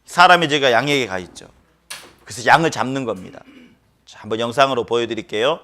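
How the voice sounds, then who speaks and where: A man's voice: mid-range voice, animated, a little fast, bright, forceful tone. A male pastor preaching a sermon who keeps questioning the congregation and stresses his points emphatically.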